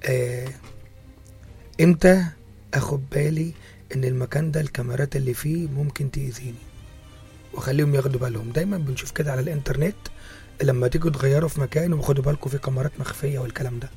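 A man's voice: mid-range voice, rapid-fire, dark tone, faint music behind. A man with an Egyptian Arabic accent hosting a casual radio interview. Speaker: radio host.

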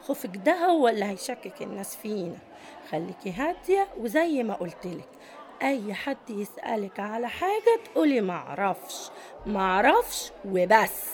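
A woman's voice: mid-range voice, big pitch swings, normal speed, darkish tone. An actress with an Egyptian accent playing a tough, domineering middle-aged female prison boss who scolds and commands. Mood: bossy.

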